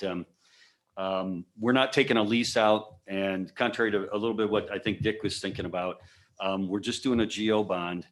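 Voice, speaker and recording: A man with a very deep voice explains a point to a public meeting, measured and hedging as he thinks aloud. He restarts phrases now and then but stays calm.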